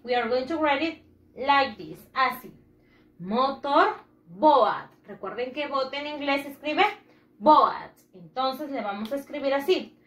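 A woman's voice: high voice, measured pace, a bit bright, roomy sound. A woman teaching young children English, patiently repeating each phrase in English and then in Spanish and leading repeat-after-me drills. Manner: leads call-and-repeat drills. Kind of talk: bilingual children's English lesson.

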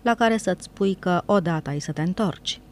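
A woman voicing a gentle, earnest young woman speaking softly. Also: on the low side, slight background noise, natural voice.

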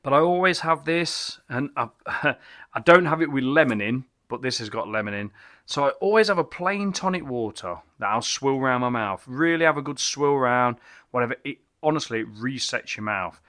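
A man's voice: medium pitch, expressive, normal speed, fairly bright tone. A middle-aged man reviewing beer in his small home bar, talking enthusiastically and rambling, with many restarts and exclamations. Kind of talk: casual beer review vlog. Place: small home bar cabin with bottle shelves, indoors.

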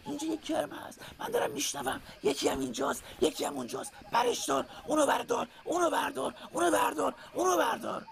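A man voicing a tiny blind male owlet who is eager and helpful, with a squeaky, urgent way of calling out. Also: lively intonation, gravelly, few pauses, exaggerated voice.

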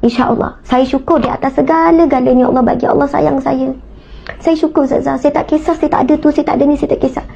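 A woman's voice: high voice, fairly even intonation, fast, gravelly, dark tone, muffled recording. A woman with a Malaysian Malay accent quoting a poor, devout, grateful young mother who speaks humbly and earnestly.

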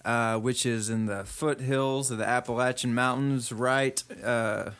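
Young man, relaxed podcast guest, middle pitch, laid-back, lots of filler words. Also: measured pace, clean tone. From Kentucky, USA. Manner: easygoing, self-deprecating, many uh fillers. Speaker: musician guest. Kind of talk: casual chat.

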